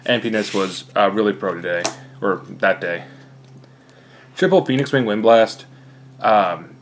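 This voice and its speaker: A young man, slightly out of breath, casually talking through his card deck with lots of fillers. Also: on the low side. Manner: rambling, many fillers. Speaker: card game player.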